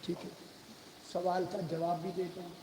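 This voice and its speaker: Brief: male religious scholar, high pitch, chatty storytelling delivery, long hall echo. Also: completely flat delivery, normal speed, background noise. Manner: conversational storytelling, addresses the audience directly. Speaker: religious scholar giving a majlis sermon. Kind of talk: Urdu majlis sermon with anecdotes.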